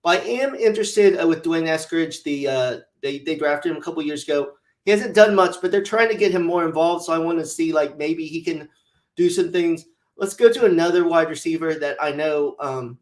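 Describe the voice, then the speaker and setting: A man's voice: a little high, normal speed. Rambling man co-hosting a podcast. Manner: relaxed, rambling, filler-heavy. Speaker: podcast co-host. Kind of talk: casual fantasy football chat.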